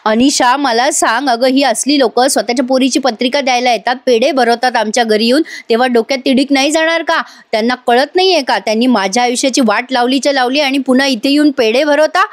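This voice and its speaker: Woman doing an angry young woman, sharp and scolding, high voice, dry sound. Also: quick pace, hardly any pauses, no echo, close to an everyday voice.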